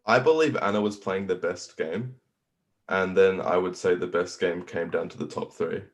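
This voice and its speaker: Eighteen-year-old male contestant, very low and gravelly, earnest explainer. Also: normal speed. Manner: earnest, explaining his strategy. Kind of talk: casual video call chat.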